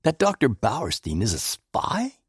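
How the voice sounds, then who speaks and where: A man voicing an earnest, excitable young English gentleman, eager and impatient, in an audiobook. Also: medium pitch, a little slow, slightly rough, no echo, studio quality, heavily acted. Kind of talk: audiobook character voice.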